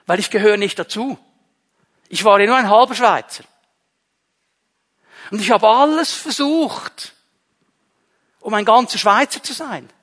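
A man's voice: high voice, a little slow, long pauses, a bit bright, long reverb tail. A man with a Swiss German accent, preaching a sermon as pastor, emphatic and repeating key phrases. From Switzerland.

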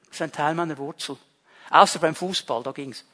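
A man's voice: on the high side, a little fast, pushed and bright, in a large hall. A man with a Swiss German accent, preaching a sermon as pastor, emphatic and repeating key phrases. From Switzerland.

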